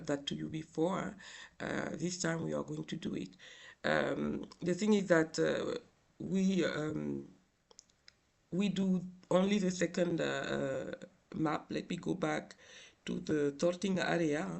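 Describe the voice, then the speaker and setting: A man with a tearful, crying voice giving an informal software tutorial in a halting, hesitant way with many filled pauses. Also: fairly high pitch, gravelly. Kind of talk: informal screen tutorial narration.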